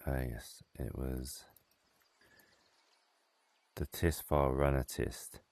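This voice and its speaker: A man's voice: a bass voice, little pitch movement, slow, vocal fry, a little mellow, no echo. A man in a casual technical chat on a work call, with dry, teasing humour. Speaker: software developer on a work call.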